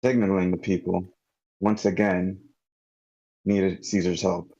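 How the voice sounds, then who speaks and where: A man reading the part of a well-spoken male narrator in his late thirties at a script table read, with a measured, formal delivery over dull, lo-fi online call audio. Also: sits low, little pitch movement, gravelly, dark tone, slightly rough, heavily acted. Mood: solemn. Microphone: computer mic in an online meeting.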